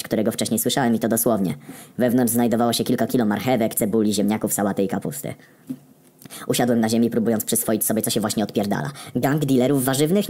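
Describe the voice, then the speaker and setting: A man narrating a comedic story in a deadpan, wry tone with frequent swearing. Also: lowish voice.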